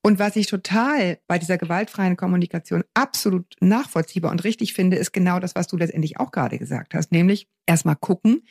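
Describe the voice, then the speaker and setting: A woman's voice: on the low side, fairly quick, vocal fry, few pauses, a little mellow, slightly rough, no echo, clean studio sound. A woman co-hosting a parenting podcast, engaged and agreeing often while she sums up a listener's letter. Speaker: podcast co-host giving parenting advice. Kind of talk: casual advice chat.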